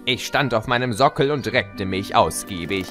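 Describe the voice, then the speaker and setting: Speaking at a moderate pace with a fairly low pitch, this man sounds bright and forceful. He plays a smug, playful chaos creature, gleeful and scheming, recounting his escape as first-person audio drama narration while music plays behind him.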